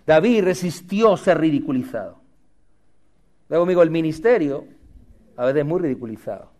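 A man's voice: fairly high pitch, lively intonation, normal speed, dark tone. A male pastor delivering a dramatic sermon, with humorous asides and lines the congregation repeats back. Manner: dramatic, calls for congregation responses.

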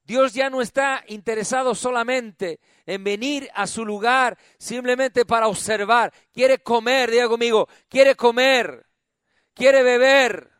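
A middle-aged male pastor preaching a sermon, calling on the congregation to repeat after him and swinging between loud and soft. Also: sits high, clean tone, no echo, clean studio sound.

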